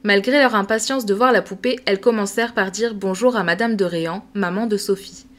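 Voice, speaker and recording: A woman reading a classic children's novel aloud as an audiobook, with measured, clear storytelling. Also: medium pitch. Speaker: audiobook reader. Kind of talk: scripted narration.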